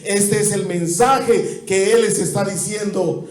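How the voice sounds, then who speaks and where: A male pastor with a Mexican accent preaching an evangelistic sermon, building through repeated phrases and falling back to quiet stretches. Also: sits high, steady tone, slow. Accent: Mexican Spanish. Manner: rhythmic preaching with repeated phrases, swelling and dropping. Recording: very echoey church hall, mic far off.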